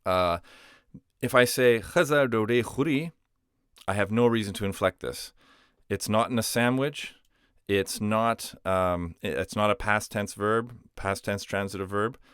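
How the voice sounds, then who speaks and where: Male teacher explaining grammar slowly, with a low, smooth voice, dry close sound. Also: steady tone, a bit bright, no echo. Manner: patient, step-by-step explanations with frequent "uh" and self-corrections. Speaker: language teacher.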